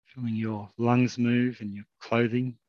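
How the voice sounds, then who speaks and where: Calm man guiding a meditation. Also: medium pitch, no room sound, muffled recording. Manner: slow, soft, calm, with long pauses. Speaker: meditation guide. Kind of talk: guided meditation.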